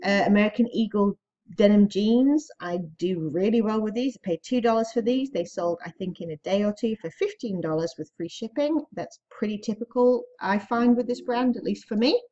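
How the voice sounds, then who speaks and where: A woman's voice: mid-range voice, moderate pace, warm tone, highs cut off. A pregnant woman chatting casually to camera as an online reseller, upbeat and a little out of breath, with frequent ums and small laughs. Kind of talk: casual vlog talk to camera.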